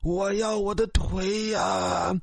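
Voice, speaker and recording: A man doing a slow, mournful legless ghost. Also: high-pitched, little pitch movement, gravelly, no room sound, clean studio sound, pitched above the performer's own voice, heavily acted. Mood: eerie. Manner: slow, soft and drawn out.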